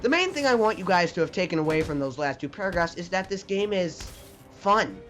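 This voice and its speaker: A man's voice: sits high, lively intonation, brisk, loud music behind the voice. A young man narrating a scripted video game review, enthusiastic and jokey with mild swearing. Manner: enthusiastic, jokey, mildly profane.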